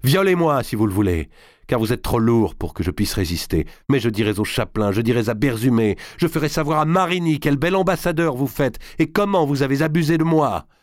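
A man's voice: low-pitched, moderate pace, mellow, dry recording, clean studio sound. A man voicing a proud, scornful young queen in an audiobook, her lines cutting and defiant, rising to cries. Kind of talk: audiobook character voice.

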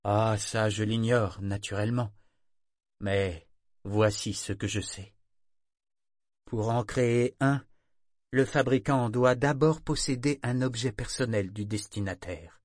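A man's voice: fairly low pitch, no room sound, studio quality. Man voicing a grave, stern old grandmother. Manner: grave, deliberate. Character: stern elderly grandmother, measured and firm.

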